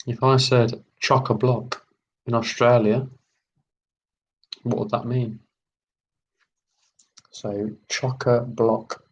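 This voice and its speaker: A man hosting a live online quiz, reading out each question slowly and repeating every term. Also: medium pitch, little pitch movement, breathy edge, highs cut off. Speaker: quiz host.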